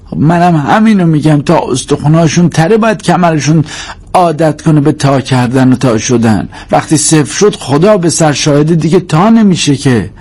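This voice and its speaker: A sharp-tongued old grandmother of the house, voiced by a male narrator, grumbles and scolds in a raised, thin voice. Her complaints come in a plaintive storytelling lilt. It is an audiobook figure. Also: a little high, expressive, breathy edge, pitched above the performer's own voice. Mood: grumbling.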